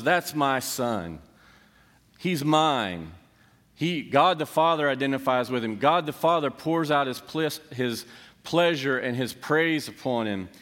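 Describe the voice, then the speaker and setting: A man's voice: mid-range voice, fairly bright tone. Man preaching in a reverberant church. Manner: restarts and self-corrections; slows for quoted words. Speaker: pastor. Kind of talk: sermon.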